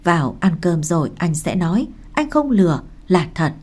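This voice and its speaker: A steady, devoted young husband, read by a woman narrator, earnest and reassuring. Her voice is lowish and mellow, with no put-on depth. An audiobook character reading. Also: moderate pace, husky.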